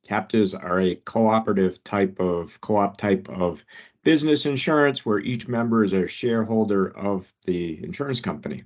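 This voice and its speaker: A man's voice: lowish voice, animated, normal speed. A man presenting updates informally as host of a work meeting on a video call. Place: online meeting. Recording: dull, lo-fi video call audio.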